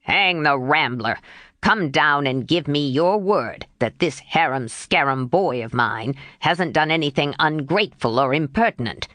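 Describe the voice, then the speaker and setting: A woman reading an audiobook voicing a gruff, abrupt old gentleman in a lowered voice. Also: animated, measured pace, dry recording. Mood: angry.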